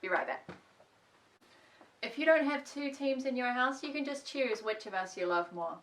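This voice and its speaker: A woman's voice: high voice, normal speed, a bit bright. A woman music teacher leading a children's music lesson at home, playful, singing song lines between her spoken instructions. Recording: voice a little distant from the mic.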